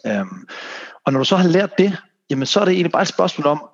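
Husky, gravelly Danish-speaking man. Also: on the high side, sing-song. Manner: rambling, restarts sentences, mixes in English phrases. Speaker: podcast host and fitness coach. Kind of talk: casual podcast conversation. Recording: dull lo-fi sound.

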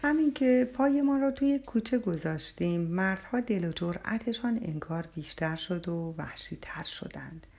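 A woman narrates a story in the first person, her voice soft and much of it whispered. It sits low, with a gravelly edge and a husky, breathy grain. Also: expressive, hardly any pauses.

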